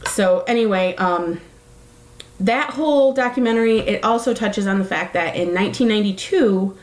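A woman's voice: medium pitch, moderate pace, reverberant, low-quality recording. A woman talking casually, rambling with many fillers and correcting herself as she goes. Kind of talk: casual chat.

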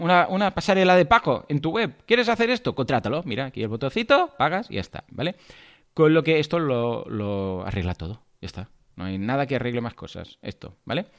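A man from co-hosting a relaxed podcast conversation. His pitch moves a lot, rising and falling as he acts out quoted clients. He speaks in a casual, chatty way at a middle pitch. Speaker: podcast co-host. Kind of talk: casual chat.

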